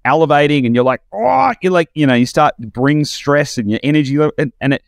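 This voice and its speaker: A man's voice: mid-range voice, fast talker, no echo. Reflective, enthusiastic male podcast host. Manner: reflective, enthusiastic, rambling with restarts. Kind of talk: casual podcast conversation.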